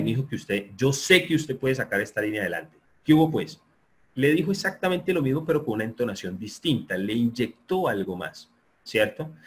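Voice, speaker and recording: A man giving an online lecture, explaining in a steady, repetitive way and often checking that listeners agree. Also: medium pitch. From Colombia. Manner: explanatory, repeats himself, asks listeners for agreement. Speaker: sports psychology lecturer.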